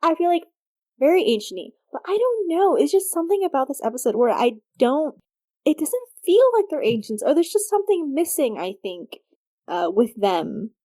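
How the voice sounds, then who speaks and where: Higher-voiced woman ranting about a show. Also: sing-song, moderate pace, warm tone. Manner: ranting, swears freely. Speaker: podcast co-host. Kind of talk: casual fan chat.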